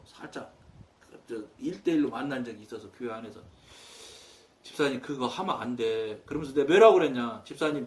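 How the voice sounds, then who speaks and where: Lively high-pitched preacher, set back from the mic. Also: male voice, distant mic. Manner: storytelling with quoted dialogue, emphatic rises and soft drops. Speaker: pastor. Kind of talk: sermon.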